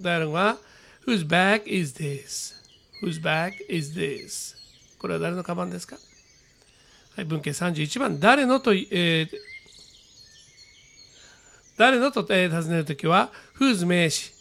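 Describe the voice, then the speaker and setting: Gravelly high-voiced man teaching English. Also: fairly bright tone. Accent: Japanese. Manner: explains patiently, slow deliberate model readings. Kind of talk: radio-style English lesson.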